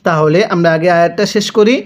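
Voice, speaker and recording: A Quran reading teacher who spells out each syllable and then has listeners repeat after him, in a slow, measured lesson. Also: medium pitch.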